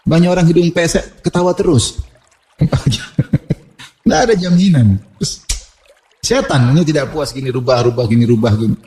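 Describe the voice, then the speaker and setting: A man preaching a sermon, animated, with humorous asides and quoted Arabic verses. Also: on the high side, moderate pace, pauses often, a little hiss or hum. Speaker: Islamic preacher.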